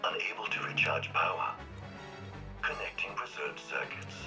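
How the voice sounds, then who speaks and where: A man voicing a malfunctioning male robot construct in a video game. The robot glitches as it shuts down, speaking in a flat mechanical monotone with a breathy, toneless edge. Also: rumbling low, moderate pace, over music. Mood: failing.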